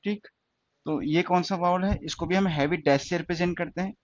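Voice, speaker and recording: A man's voice: high-pitched, brisk, no echo, muffled recording. A male teacher explaining stenography step by step, repeating words and asking his students questions. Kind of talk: classroom lesson.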